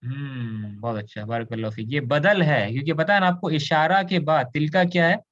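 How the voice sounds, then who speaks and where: A man's voice: fairly high pitch, moderate pace, a bit bright, dull audio. A man from India teaching an Arabic grammar class, explaining patiently, switching into English and asking students questions. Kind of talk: online class lecture.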